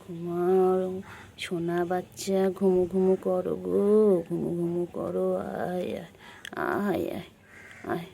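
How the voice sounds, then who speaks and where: A woman's voice: lowish voice, level tone, measured pace, gravelly, warm tone, a little hiss or hum. A woman filming her cats at home, talking baby talk to them in a cooing, sing-song way with lots of repeated words. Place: home with pets.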